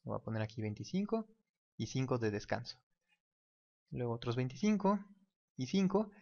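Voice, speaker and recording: A man's voice: medium pitch, big pitch swings, normal speed, vocal fry, a little mellow. A man giving a casual whiteboard lesson, talking while he draws and mimicking a ticking clock. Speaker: teacher. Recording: dull lo-fi recording.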